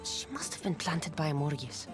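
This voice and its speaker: An actress with a low, sing-song voice at normal speed performs a video game cutscene as a bold, wry mercenary woman of ancient Greece. She's confident, direct and businesslike, with soft music playing behind her.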